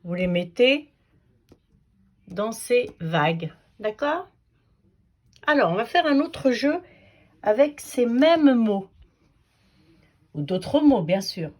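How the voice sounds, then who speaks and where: A woman's voice: fairly high pitch, sing-song, takes it slowly, long pauses, a little mellow. A woman teaching a patient, sing-song phonics lesson to young children.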